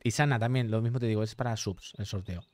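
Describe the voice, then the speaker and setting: Hombre que comenta un juego en directo, muy hablador y malhablado. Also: male voice, on the low side, fast, a little mellow. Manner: chatty, swears often, reads and answers chat. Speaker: streamer. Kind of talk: live gameplay commentary.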